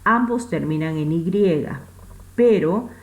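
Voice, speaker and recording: A woman's voice: on the low side, expressive, slow pace, a little mellow, rough recording. A woman with a Peruvian Spanish accent, teaching a recorded English grammar class in a patient way, repeating points and checking that students follow. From Peru.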